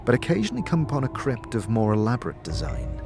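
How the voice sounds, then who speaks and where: Over music, a man with a gravelly, mid-range voice narrates a fantasy audio drama quickly, with huge swings in pitch. He is both narrator and a game character in the series, telling the story dramatically and descriptively with shifting emphasis.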